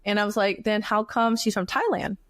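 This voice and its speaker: Guest: reflective woman from North Carolina, mid-pitched, dead-dry close sound, chatty with fillers. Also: a little fast, fairly bright tone, dry recording. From North Carolina, USA. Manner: reflective, earnest, many fillers like "like" and "you know". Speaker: podcast guest. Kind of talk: casual conversational interview.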